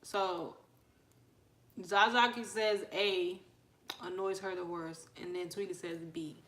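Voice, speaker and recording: Speaking slowly at a fairly low pitch with fairly even intonation, this livestream host chats with her viewers, reads comments aloud, asks questions and welcomes new arrivals by name. The room is echoey.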